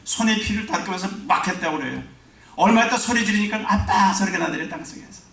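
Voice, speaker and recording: A man's voice: high voice, fast, vocal fry, a bit bright. A male pastor preaching a revival sermon and telling a story with emphatic rises and drops. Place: church sanctuary. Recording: echoey hall, distant mic.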